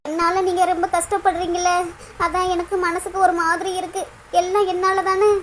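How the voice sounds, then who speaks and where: A woman voicing Priya, a young cartoon wife who is soft-spoken and apologetic, with a Tirunelveli Tamil accent. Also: very high voice, level tone, brisk, a little hiss or hum. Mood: remorseful.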